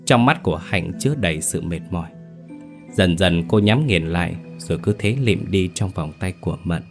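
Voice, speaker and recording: A man with a very deep voice reads a scripted horror story. His delivery is measured and steady. Quiet background music sits faintly beneath the narration. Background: soft background music.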